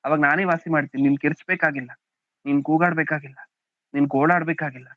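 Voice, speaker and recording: A man's voice: fairly high pitch, steady tone, quick pace, no room sound. A man with a Kannada accent preaching a sermon, often asking the congregation questions and reading scripture aloud with emphasis. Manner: asks the congregation rhetorical questions, "hm?". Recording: dry, thin phone-like sound.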